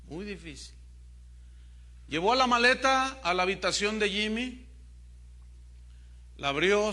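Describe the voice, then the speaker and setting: A male pastor preaching a sermon emphatically, swinging from loud to soft with rhetorical questions. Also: high voice.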